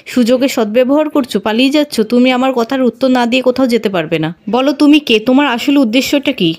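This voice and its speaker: A woman's voice: sits high, fast, a little mellow, natural voice. A woman voicing a stern, suspicious mother of the house, reading her demanding questions in a confronting manner. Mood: accusing.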